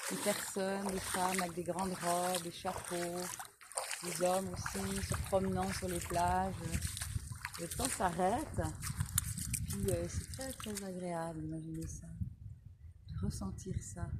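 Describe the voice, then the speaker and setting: A woman vlogger talking in a halting, improvised way, with many restarts, while sitting on a beach by the sea. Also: fairly low pitch, heavy background noise. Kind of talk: improvised casual vlog and reading aloud. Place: outdoors on a sandy beach by the sea. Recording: loud outdoor ambience by the sea.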